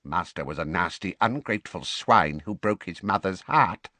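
A man's voice: deep voice, lively intonation, moderate pace, bright, forceful tone, no echo. A man voicing a bitter old male house-elf servant who mutters spitefully and fawns over his master. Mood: muttering spite. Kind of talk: audiobook character voice.

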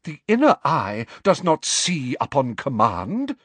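A man's voice: high voice, sing-song, slow pace, no room sound, voice pushed up, full character voice. A man voicing an eccentric, indignant female fortune-teller teacher with a shaky, ethereal, dramatic manner. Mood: theatrical, shaking. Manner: resentful, shaky ethereal mystic voice.

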